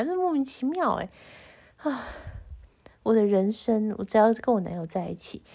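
A young woman with a Taiwanese Mandarin accent tells a personal story to camera in a casual vlog, stammering and restarting as she grows animated and aggrieved. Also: mid-range voice, slightly rough. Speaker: vlogger.

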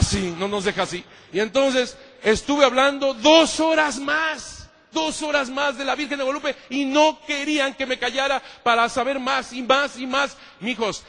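A man, a priest, preaching with animated stories and a fairly high voice. He hammers phrases through repetition and speaks fondly to his listeners as "mijos." The voice rings with long reverb, as if it fills a large hall. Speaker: priest giving a talk. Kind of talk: lively sermon with anecdotes.

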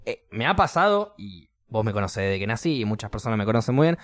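A man's voice: lowish voice, quick pace. A young man with a Rioplatense Spanish accent, chatting casually as a podcast co-host and acting out voices in his stories. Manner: animated storyteller, acts out voices. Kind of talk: casual chat.

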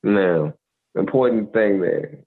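Deep-voiced man lecturing over a tinny line. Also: lively intonation, slow pace. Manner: preachy, repeats "you feel me". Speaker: podcast co-host. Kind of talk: casual advice monologue. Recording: tinny phone-like audio.

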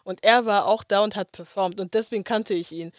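A young woman in casual podcast chat, relaxed and friendly, with many fillers and English words mixed in. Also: medium pitch, fairly quick, no room sound, clean studio sound.

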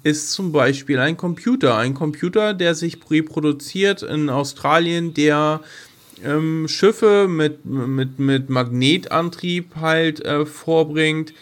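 A middle-aged man co-hosts a podcast, chatting casually and unscripted, explaining things and checking that others agree. His voice is a little high, and he takes it slowly.

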